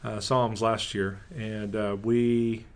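A man's voice: on the low side, little pitch movement, takes it slowly, clear, resonant tone. Casual male pastor with a joking streak. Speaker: pastor, podcast co-host. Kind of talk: casual conversation.

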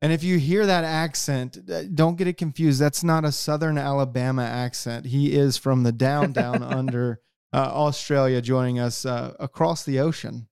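A man's voice: mid-range voice, fairly even intonation, normal speed, gravelly, hardly any pauses, a little mellow, smooth, no room sound, studio quality. A man hosting a collectors' podcast, joking and rambling in a casual chat. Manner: jokey, rambling, self-mocking. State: tired from no sleep. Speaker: podcast host.

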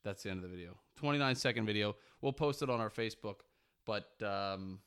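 A man's voice: fairly low pitch, a little fast, a bit bright, clean tone. A man co-hosting a podcast, retelling a video playfully in casual chat. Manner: playful storyteller, swears casually. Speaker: podcast co-host.

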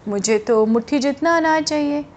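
A stubborn, loud wood seller from a children's story, played by a woman storyteller, calling out his wares in long, drawn-out shouts. His voice sits high and he keeps insisting on his terms. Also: a little hiss or hum, close to an everyday voice. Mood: insistent. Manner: drawn-out hawker's calls, insistent.

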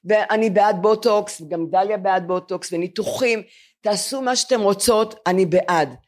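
A woman's voice: medium pitch, a little mellow. Woman, 70s, podcast co-host, self-mocking, chatty storyteller, casual live chat.

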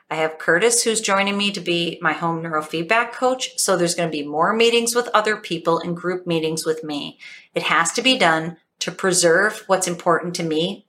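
A woman coach giving an energetic, emphatic motivational talk, telling stories with animated emphasis. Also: on the low side.

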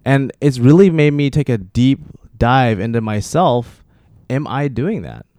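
A man's voice: medium pitch, animated, a little slow, mellow, dry recording. A man in his thirties from Oklahoma, talking as a podcast guest in a rambling way, with lots of fillers and restarts. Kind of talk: casual conversational interview.

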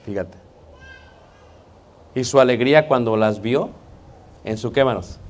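Speaking at a measured pace in a mid-range voice, a man with a Mexican Spanish accent delivers a sermon. He keeps it conversational and full of jokes, often turning to the congregation and calling them brothers.

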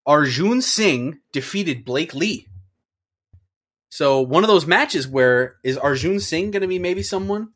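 A man's voice: on the high side, animated, slow pace, a bit bright. A man co-hosting a podcast, casually recapping results and reacting with offhand swearing. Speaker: wrestling podcast co-host.

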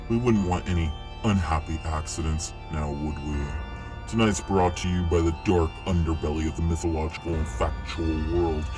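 A man with an extremely deep, low voice delivers a theatrical scripted intro like a conductor making an announcement. Music plays clearly underneath him throughout. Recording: music bed behind the voice.

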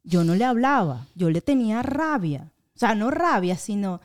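A woman's voice: mid-range voice, big pitch swings, normal speed. A young Venezuelan woman co-hosting a casual podcast, telling family stories animatedly and acting out what her relatives said. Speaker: podcast co-host. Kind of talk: casual chat.

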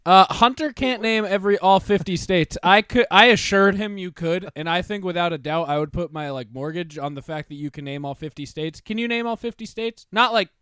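A man's voice: high-pitched, a little fast, hardly any pauses, fairly bright tone, clear, resonant tone, dry recording. A man co-hosting a podcast, teasing his friends in casual chat and laughing often. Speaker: podcast co-host.

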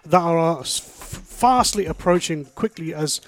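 A man's voice: on the high side, moderate pace. A man co-hosting an online soul radio show, chatting loosely and half-singing his gig announcements. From United Kingdom. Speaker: radio DJ and co-host. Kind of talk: casual radio chat and announcements.

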